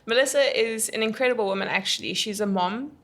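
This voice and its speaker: A woman's voice: fairly high pitch, fast. A South African woman co-hosting a podcast, chatting casually with lots of laughter and trailing sentences. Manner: bubbly, laughs often, trails off mid-sentence. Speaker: podcast co-host. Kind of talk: casual chat.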